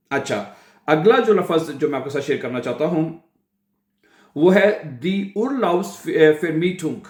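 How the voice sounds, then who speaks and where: A man gives a German vocabulary lesson in Urdu. His voice sits a little high, and he draws out each German word very slowly. The sound has a noticeable echo from the room. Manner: reads German words and sentences very slowly, then explains them in quick Urdu; fills the talk with "ठीक है" and "अ". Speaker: German language teacher. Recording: echoey room.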